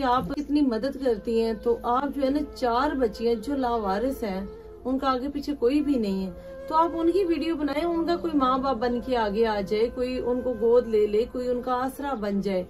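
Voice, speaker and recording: Woman, charity vlogger; gentle, coaxing delivery, a touch high-pitched; music bed behind. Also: normal speed. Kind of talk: emotional charity vlog, talking to camera and to children. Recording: music playing underneath.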